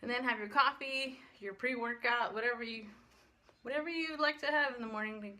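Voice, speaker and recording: A woman's voice: on the high side, brisk, bright, forceful tone. A woman fitness vlogger talking casually in a rambling, slangy way, breathless from exercise. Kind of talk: casual chatty workout vlog.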